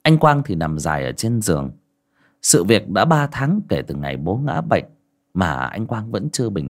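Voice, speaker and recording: A man narrating a horror audiobook in a measured, dramatic storytelling manner. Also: fairly low pitch, sing-song.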